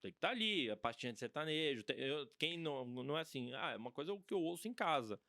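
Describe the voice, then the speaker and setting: A man from Brazil, a guest DJ, telling work stories in an animated, anecdotal way in a casual podcast chat. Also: a little high, quick pace, no echo, studio quality.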